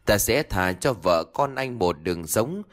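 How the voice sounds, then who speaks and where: Man doing a domineering old village woman in a spoken ghost story, scolding and taunting in a low voice that swings widely in pitch, a cruel schemer lording it over the poor. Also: lively intonation, a little slow. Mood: scornful.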